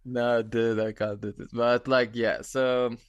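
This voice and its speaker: Guest: Lithuanian-accented man, 30s, halting and restarting, clear, dry video-call sound. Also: medium pitch, little pitch movement, dry recording, dull audio. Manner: halting, restarts often, laughs easily. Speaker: guest, ultra-distance cyclist. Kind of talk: casual interview on video call. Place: small room at home, indoors.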